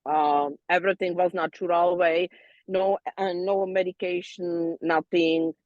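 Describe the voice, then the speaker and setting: A woman, a doula student, casually telling peers about a birth in halting, non-native English full of fillers and restarts. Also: fairly low pitch, steady tone, no room sound, lo-fi sound. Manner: non-native phrasing, loose grammar.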